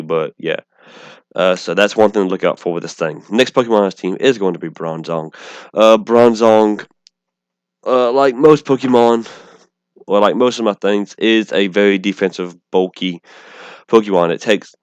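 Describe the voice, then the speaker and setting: A man giving casual, unscripted game strategy commentary in a halting, rambling way, with a speech impediment that makes his R's sound like W's. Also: lowish voice, smooth, no echo. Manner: rambling, halting, with false starts and self-corrections. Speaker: online gamer presenting an opposing team.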